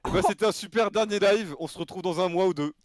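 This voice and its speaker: Homme au timbre plutôt aigu, qui blague en live. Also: male voice, high-pitched, fast, no room sound. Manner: joking, laughing, exclaiming. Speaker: streamer. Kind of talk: casual live-stream chat.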